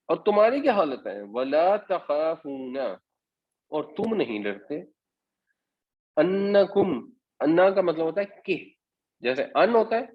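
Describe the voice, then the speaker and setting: A man's voice: a little high, breathy edge, lo-fi sound. A man giving a Quran commentary lesson, explaining patiently step by step. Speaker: Quran teacher.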